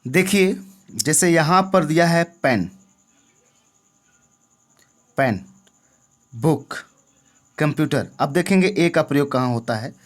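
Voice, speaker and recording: A man with a slightly high voice teaches a grammar lesson. He keeps asking the viewer questions and checking that they follow. His delivery is patient and repetitive, the way a classroom explanation sounds. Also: expressive, slow, long pauses.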